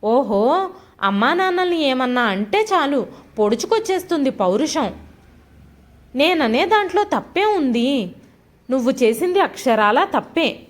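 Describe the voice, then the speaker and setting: A bullying husband in a storybook drama, all contempt and ridicule, as a woman narrator plays him. His voice rides high and jumps about with scorn. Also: very animated, measured pace, pauses often. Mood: angry. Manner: mocking, contemptuous. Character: scornful shouting male husband, middle-aged.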